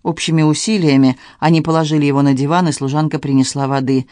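Male audiobook narrator, measured and even, slightly high pitch, dry close studio sound. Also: dry recording. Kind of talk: scripted narration.

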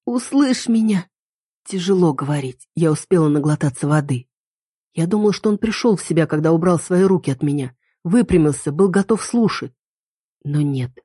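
A woman narrating a first-person dark thriller novel with tense, dramatic delivery. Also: deep voice, a little fast, husky, dry recording, clean studio sound. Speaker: audiobook narrator.

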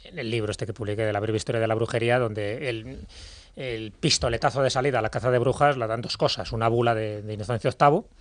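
A man's voice: medium pitch, steady tone, fast, no room sound. A man speaking as an informal expert panellist on a podcast, discursive and emphatic in the way he explains. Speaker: panellist on a history and mysteries podcast.

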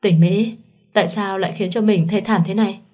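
A woman voicing a kind young man who comforts a friend in a soft, soothing voice, in a storybook reading. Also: mid-range voice, fairly even intonation, fairly quick, close to an everyday voice. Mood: gentle.

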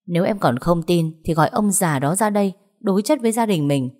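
A woman's voice: fairly low pitch, lively intonation, fairly quick, a little mellow, close to an everyday voice. A woman voicing an indignant elder sister who insists and confronts in an audio story. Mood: insistent, accusing.

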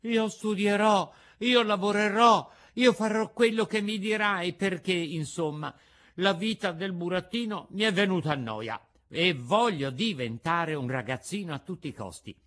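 A man voicing a mischievous, impulsive wooden boy puppet in a storybook reading, in a high, excitable, pleading voice. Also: normal speed. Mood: overjoyed.

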